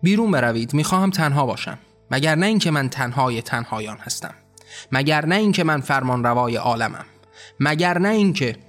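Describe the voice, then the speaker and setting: A man's voice: medium pitch, expressive, a bit bright, soft background music, lightly acted. A man voicing a wrathful, ranting male god who bellows scornful tirades in a storybook reading.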